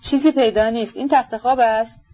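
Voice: medium pitch, fairly even intonation, darkish tone, voice pushed up, lightly acted. A nervous, trembling young prince, as an audiobook narrator acts him out, asking breathless questions in a lifted, tense voice. The sound is slightly muffled. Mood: anxious.

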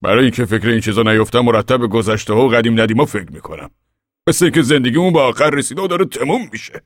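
A man's voice: medium pitch, lively intonation, no room sound, clean studio sound, voice pushed up, close to an everyday voice. A man voicing a tired, homesick farmer father who feels defeated, in an audiobook. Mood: weary, resigned. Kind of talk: audiobook character reading.

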